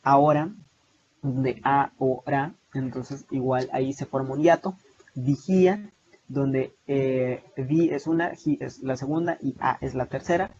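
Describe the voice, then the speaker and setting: His mid-range voice is husky, steady, slightly mellow and unhurried as this young Salvadoran-accented tutor lectures over slides on a video call. He explains steadily, hesitating and restarting often, through a muffled, lo-fi mic with faint background noise.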